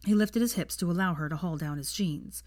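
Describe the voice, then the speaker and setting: A woman reads a piece of fiction aloud in an expressive audiobook style, her voice sitting slightly low and moving a little fast. The recording is close and dry, with very little room sound.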